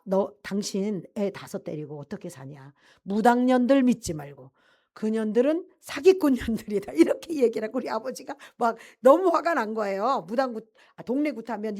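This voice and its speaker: A middle-aged woman pastor giving a personal testimony sermon, telling her story with rising emotion. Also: medium pitch. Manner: animated storytelling, swells with emotion.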